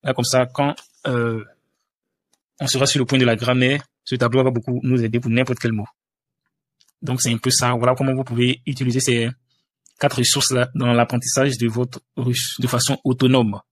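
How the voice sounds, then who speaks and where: A man's voice: medium pitch, flat delivery, normal speed, no room sound. Hesitant male tutor, dry recording. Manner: hesitant, many fillers and restarts. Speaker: language teacher. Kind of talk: screen-share tutorial.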